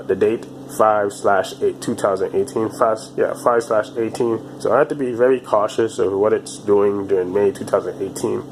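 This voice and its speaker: A man in his twenties talking alone to his channel in a halting, repetitive way, often restarting his phrases. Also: fairly low pitch, a little mellow, slight background noise, rough recording. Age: 20s. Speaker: vlogger. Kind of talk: casual monologue to camera.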